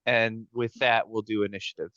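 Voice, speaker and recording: A man narrating a tabletop game as game master, improvising descriptions in a halting, deliberate way. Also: on the low side, flat delivery, fairly bright tone, dry recording, lo-fi sound.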